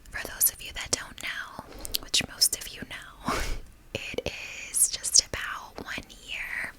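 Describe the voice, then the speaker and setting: A young adult woman gives a casual ASMR ramble in a soft, breathy whisper, as a content creator talking to her viewers. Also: rumbling low, poor audio.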